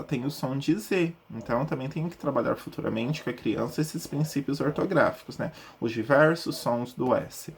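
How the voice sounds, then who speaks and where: A man teaching a recorded lesson, explaining step by step with frequent checks like "tá?" and slowly sounding out example words. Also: fairly high pitch, a little hiss or hum. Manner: explanatory, many fillers like "tá?" and "né?".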